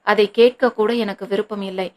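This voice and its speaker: A woman's voice: mid-range voice, fairly even intonation, normal speed, darkish tone, lightly acted. A woman reading a novel aloud, voicing an angry, protective older brother who scolds his sister sharply.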